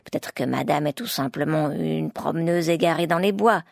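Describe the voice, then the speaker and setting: A woman's voice: low voice, moderate pace, vocal fry, no echo, clean studio sound. A woman voicing a hot-tempered poor male woodcutter who blusters in an exasperated way. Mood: blustering.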